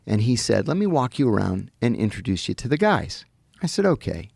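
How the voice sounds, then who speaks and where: A middle-aged man telling stories as a podcast guest, animated and vivid, often restarting his sentences. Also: medium pitch, brisk, vocal fry, husky, dry recording, clean studio sound. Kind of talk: anecdotal storytelling in conversation. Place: podcast studio.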